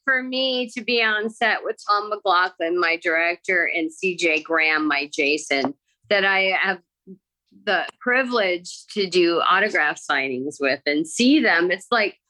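A woman, an actress, chatting as a podcast guest, telling stories in an animated, excited way. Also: fairly low pitch, measured pace, rough recording. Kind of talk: casual interview chat.

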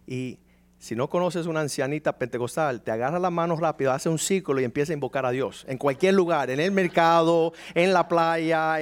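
A man in his forties preaches his testimony from the pulpit, telling it as a story. His voice sits fairly high, and he slips into other voices to act out each scene. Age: 40s. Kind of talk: sermon testimony.

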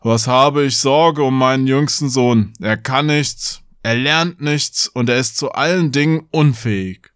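A man's voice: mid-range voice, unhurried, fairly bright tone, smooth, dry recording, studio quality, lightly acted. A man voicing a weary, stern father in a fairy-tale reading. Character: worried, stern old father.

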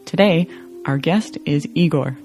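A woman's voice: low voice, measured pace, darkish tone, faint music behind. A podcast host leading a casual interview, curious and eager, reacting often to her guest's answers.

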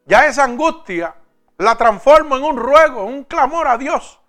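A man preaching a sermon, first reading scripture slowly and then addressing his listeners directly. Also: very high-pitched, expressive, a bit bright, soft background music.

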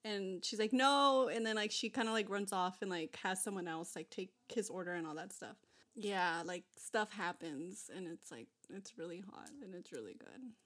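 A woman's voice: fairly low pitch, moderate pace. A young woman co-hosting a casual chat, rambling with lots of fillers and restarts.

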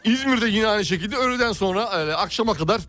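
A man's voice: high-pitched, animated, quick pace, pushed and bright, soft background music. A man bantering casually as a radio co-presenter, chatty and teasing, repeating words for emphasis. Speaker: radio co-presenter giving weather and traffic.

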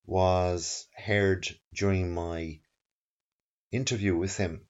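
A man hosting, narrating an introduction to an interview in measured, emphatic phrases. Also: low voice. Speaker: host. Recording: dull, muffled sound.

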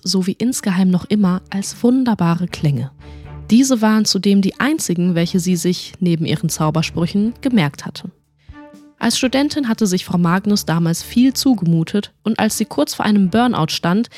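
A woman narrating a humorous fantasy audiobook story in a lively storytelling manner. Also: medium pitch.

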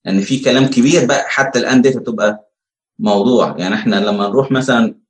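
A man with an Egyptian Arabic accent preaching a conversational sermon, asking rhetorical questions and pausing on fillers. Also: medium pitch. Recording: echoey room.

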